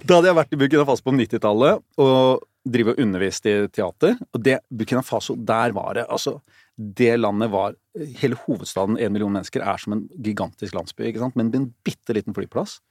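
A man chatting as a guest, telling a story with lively acted-out voices and sudden shouts. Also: fairly low pitch, no echo, studio quality. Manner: animated, acts out voices and shouts in his stories. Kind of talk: casual podcast chat, lively storytelling.

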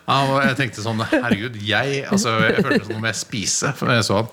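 A man's voice: medium pitch, sing-song, bright, forceful tone. A man chatting as a guest, telling stories in a rambling way with lots of hesitations. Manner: rambling storyteller, many hesitations. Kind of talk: casual chat.

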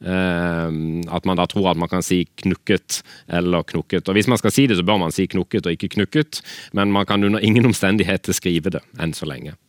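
A man's voice: low voice, few pauses, no room sound, studio quality. A man, a language researcher, explaining carefully on a radio show with some hesitation.

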